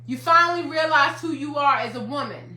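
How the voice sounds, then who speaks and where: Speaking to a livestream audience, a fifty-something life coach drives her points home through repetition in an emphatic, preacherly style. She talks briskly in a high, bright voice, and the space around her echoes.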